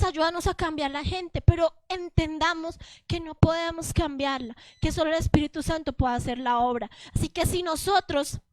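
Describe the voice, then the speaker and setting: High-voiced woman preaching a lively sermon. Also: no echo. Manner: animated, asks the congregation "¿sí o no?".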